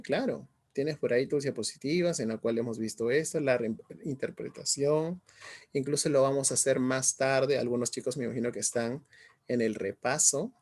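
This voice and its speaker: A man's voice: medium pitch, a little mellow, breathy edge. A middle-aged male teacher giving an online class, often asking students questions and checking in as he explains. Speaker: language teacher.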